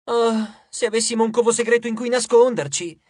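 A man's voice: extremely high pitch, fairly quick, darkish tone, no room sound, studio quality, voice pushed up. A man voicing a boastful, mischievous male dwarf in an audiobook, with a cheeky, mocking manner. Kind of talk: audiobook character voice.

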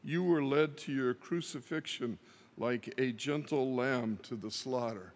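A man's voice: medium pitch, a little slow. A man reciting a psalm solemnly as a lector at Mass, from a lectern in a large, echoing church. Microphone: lectern microphone. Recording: long echoing church reverb.

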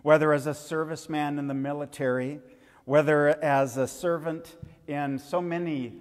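A man, a pastor, giving a funeral sermon and telling a gentle story to the children. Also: on the high side, steady tone, normal speed. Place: church sanctuary. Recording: reverberant church hall.

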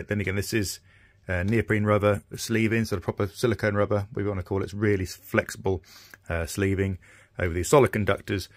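A middle-aged man with a deep voice presents a repair video as a radio restorer, seated at a bench in a small indoor workshop. His commentary is informal and hesitant, as if thinking aloud, and there's no echo.

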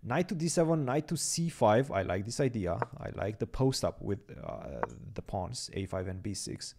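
Gravelly low-voiced male chess commentator. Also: big pitch swings, moderate pace, a little mellow. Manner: chatty, thinks aloud over moves. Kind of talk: live-streamed chess commentary.

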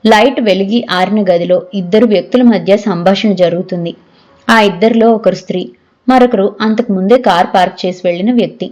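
A woman's voice: medium pitch, brisk, a little mellow. A woman narrating a novel as an audiobook, reading the dialogue of each character in a lightly voiced way.

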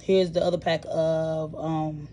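A woman's voice: deep voice, slow pace, a little hiss or hum. A young woman chatting casually while she shows off her groceries, filmed on a phone at home. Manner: relaxed, chatty listing of items with fillers. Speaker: vlogger showing a grocery haul. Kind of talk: casual chat. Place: indoors at home, off camera. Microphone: phone camera held while filming items.

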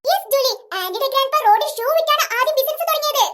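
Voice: very high voice, fast, fairly bright tone, soft background music. A performer voicing a haughty, scheming rich mother in a comic family sketch, dropping English words into her talk.

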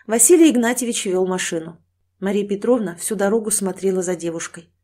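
A woman reads a dramatic novel aloud as an audiobook narrator. Her voice sits in a middle pitch and she tells the story with steady dramatic pacing. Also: a little fast. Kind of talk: scripted narration.

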